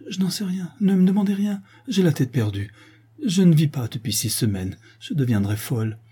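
A man's voice: on the low side, animated, normal speed, warm tone, breathy edge. A man reading aloud, voicing a frightened, tearful young female servant who pleads in a trembling voice for a storybook. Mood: distraught pleading.

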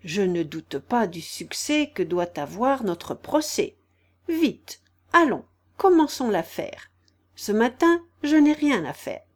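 A woman's voice: on the high side, very animated, slow pace, darkish tone, heavily acted. A woman voicing a spiteful, malicious dog who appoints himself judge. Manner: malicious, eager.

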